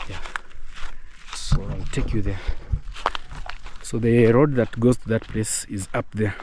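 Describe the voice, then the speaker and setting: A man with a Kenyan accent and a fairly low voice hosts a casual vlog. He talks outdoors in the countryside, explaining things conversationally. Noise is clearly audible behind him. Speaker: vlog host. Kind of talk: casual vlog narration and chat. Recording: clearly noisy outdoor recording.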